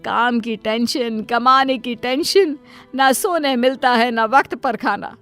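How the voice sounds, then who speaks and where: A woman voicing a devoted, self-sacrificing middle-aged mother in a cartoon story, with soft music behind. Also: a little high, slow, clean tone. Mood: defensive.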